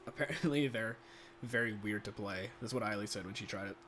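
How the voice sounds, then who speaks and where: A man doing casual, excitable play-by-play commentary of a video game from home. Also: lowish voice, fairly quick, faint music behind. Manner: chatty, excitable, laughs often. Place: home room.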